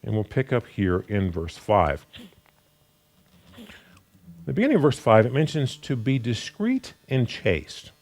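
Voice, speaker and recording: A man teaches from scripture in an unscripted sermon. His pitch swings widely, jumping up to stress a point. He often stumbles, repeating words before he finds his phrase. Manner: halting, with frequent repeated words and restarts; animated pitch, rising sharply for emphasis. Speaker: Bible teacher. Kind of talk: unscripted Bible study sermon.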